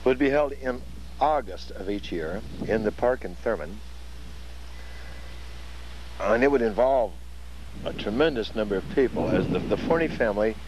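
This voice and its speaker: A man in his eighties from Iowa, giving a measured, articulate account of family gatherings in an oral history interview. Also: lowish voice, animated, noisy background. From Iowa, USA. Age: 80s. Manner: articulate, measured storytelling with fillers.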